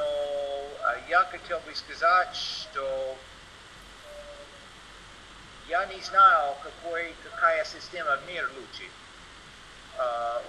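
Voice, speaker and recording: An American man whose first language is English gives an informal conference talk in Russian as a guest presenter, speaking haltingly, searching for words, and using broken grammar. His voice is on the high side with a sharp tone, captured in noisy online seminar audio.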